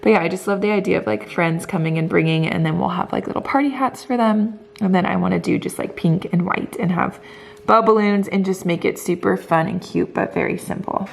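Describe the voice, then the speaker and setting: A woman's voice: lowish voice, fairly quick, creaky, a little hiss or hum. A woman vlogging casually from home as a stay-at-home mom, gushing and full of "like" fillers. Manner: gushing, filler-heavy talk. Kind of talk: casual vlog chat.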